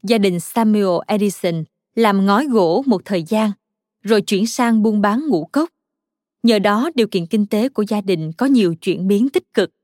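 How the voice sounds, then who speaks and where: A woman narrating a children's biography story in a calm, even storytelling manner. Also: mid-range voice, normal speed, no echo, clean studio sound.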